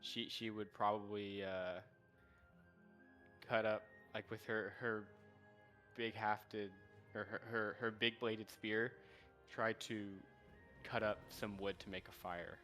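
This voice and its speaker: A man playing a tabletop game, describing his character's actions in halting phrases. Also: lowish voice, flat delivery, a bit bright, soft background music. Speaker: player.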